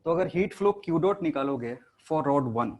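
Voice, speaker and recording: Higher-pitched man teaching physics. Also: lively intonation, moderate pace, slight background noise. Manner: explains step by step, often asks the class and checks with "ठीक है ना". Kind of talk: classroom lecture at a board.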